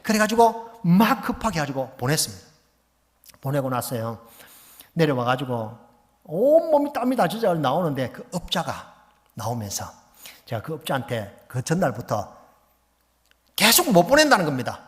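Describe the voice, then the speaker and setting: A middle-aged man, a missionary preacher, telling a lively story in a sermon and acting out the phone calls. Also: fairly high pitch, normal speed. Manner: animated, acts out phone calls and exclamations. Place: church sanctuary. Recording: long reverb of a church hall.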